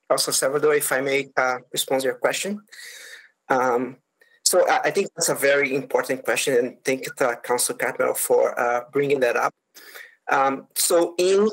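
Gravelly man speaking haltingly at a hearing. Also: medium pitch, poor audio. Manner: halting, many restarts. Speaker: applicant's architect. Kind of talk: public hearing testimony. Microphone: video call.

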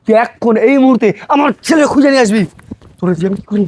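A man playing a frantic village father, very high voice. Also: fast, no echo. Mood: furious. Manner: shouting, accusing, pleading. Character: distraught village father, home after long away. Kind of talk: amateur short film drama.

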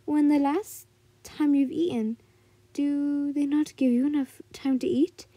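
Kindly old woman caretaker for a story played by a female narrator, high, mellow, motherly and coaxing. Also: fairly even intonation, a little slow, no echo.

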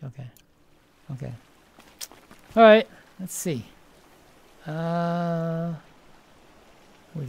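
The voice is deep, gravelly and a little mellow, and the recording is slightly rough. Seated in a VR headset at home, this woman live-streams a game with casual, rambling chatter, frequently restarting her sentences and thinking aloud.

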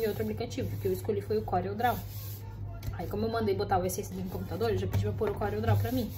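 Fast-talking woman chatting in a vlog. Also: on the high side, darkish tone. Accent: Brazilian Portuguese. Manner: chatty, rambling, often adds "né?" and "gente". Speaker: vlogger running a custom stationery studio. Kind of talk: casual vlog chat to camera. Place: craft studio.

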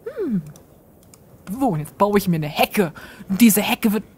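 A woman in casual let's-play commentary, chatty and self-mocking as she talks to her viewers. Her voice sits at an ordinary middle pitch, with a light hiss behind it. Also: sing-song, a little slow, darkish tone. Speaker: let's player.

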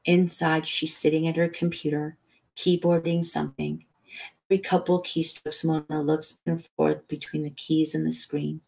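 Lady reading a bedtime story, low husky voice, calm and soothing. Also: poor audio. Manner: slow, calm, soothing delivery. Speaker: audiobook reader. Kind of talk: soft bedtime novel reading.

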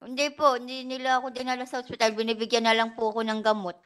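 Soft-spoken woman giving polite testimony. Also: fairly high pitch, completely flat delivery, quick pace, clean tone. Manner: soft, polite, short answers. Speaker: witness, domestic worker. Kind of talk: testimony at a hearing. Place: legislative hearing room.

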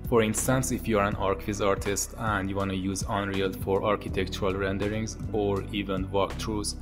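A fairly low-pitched man with an Iranian accent and a flat voice hosts a tutorial, giving a scripted educational talk to camera. He's in a home studio with monitors and posters, using a boom-arm podcast mic, with soft music playing in the background.

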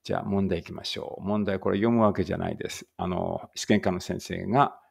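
A man runs a relaxed read-aloud English lesson, chatting and correcting himself as he goes, then slowing right down for the English lines. His voice sits low with a gravelly edge. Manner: chatty, self-correcting, reads English slowly. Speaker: English teacher.

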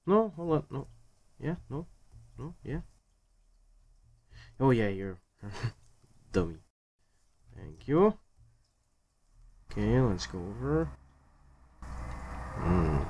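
A man's voice: lowish voice, darkish tone. A man giving casual let's play commentary, muttering to himself in short fragments with a grumbly, exasperated edge. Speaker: gaming video host.

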